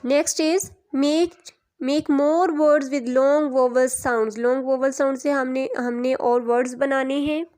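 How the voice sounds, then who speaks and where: High-voiced, slow woman teacher. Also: steady tone, a little mellow. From Pakistan. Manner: spells words out sound by sound, switching to Urdu to explain. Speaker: English teacher. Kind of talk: recorded classroom lesson.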